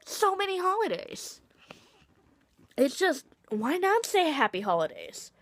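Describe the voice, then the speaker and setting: A woman's voice: very high-pitched, very animated, measured pace, no echo. A woman vlogger with a cold, ranting casually and sarcastically, swearing freely. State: has a cold, sniffly. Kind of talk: casual rambling rant.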